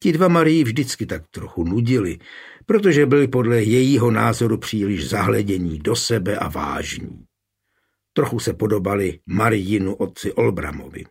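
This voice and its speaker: A man reading a historical novel aloud as audiobook narrator, in steady, measured storytelling. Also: fairly low pitch, husky. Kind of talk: scripted narration.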